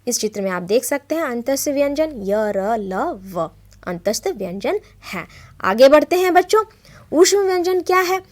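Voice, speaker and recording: A woman's voice: high-pitched, sing-song. A woman teacher giving a televised grammar lesson to children, asking them questions and answering them herself, drawing out letter sounds one by one. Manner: explains slowly, often asks children questions and answers herself.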